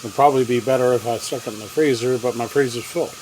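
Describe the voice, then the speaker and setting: A man with a drawl talks folksy and easygoing, narrating his own home cooking. He sits at an ordinary middle pitch. Frying and boiling sounds hiss clearly behind him in a cramped camper kitchen. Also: fairly even intonation, quick pace, darkish tone, rough recording. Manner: folksy, chatty, talks with mouth full. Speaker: cooking vlogger. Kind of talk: casual cooking vlog. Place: camper kitchen with propane cooker. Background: boiling water and frying.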